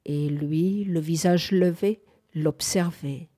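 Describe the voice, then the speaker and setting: A woman reading a novel aloud as narrator, in a calm, measured manner. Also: deep voice. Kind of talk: audiobook narration.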